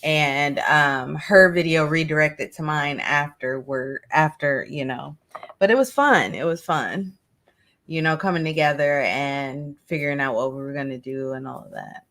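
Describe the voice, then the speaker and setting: A woman's voice: sits low, unhurried, fairly bright tone. A woman co-hosting a craft livestream in casual chat, rambling and self-deprecating.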